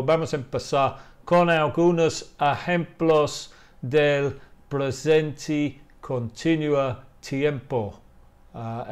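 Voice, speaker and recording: A man teaching English in Spanish in a live online class, explaining slowly and patiently and repeating model phrases. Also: on the high side.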